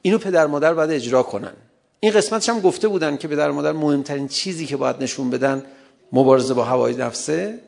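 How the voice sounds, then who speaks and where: A middle-aged man speaks to an audience in a lively, humorous lecture. His voice sits somewhat high for a man and has a gravelly texture. He laughs often and slips into short acted-out exchanges. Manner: humorous, acts out little dialogues, laughs often. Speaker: speaker addressing an audience on parenting.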